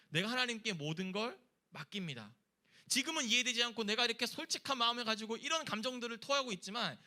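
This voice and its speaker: A man in his thirties preaching a lively youth sermon in church, acting out prayers in character voices with sudden shouts. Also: high-pitched. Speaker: youth pastor.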